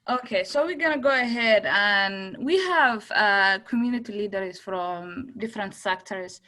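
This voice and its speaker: A woman moderating a round-table video call, introducing speakers haltingly with many uh fillers. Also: mid-range voice, pushed and bright, low-quality recording.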